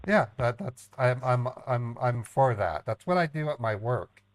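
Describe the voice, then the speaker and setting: A man chatting casually as a caller, in a halting, naive-sounding way, often repeating himself. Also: mid-range voice, animated, dry recording. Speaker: prank caller baiting a phone scammer. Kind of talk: casual phone chat.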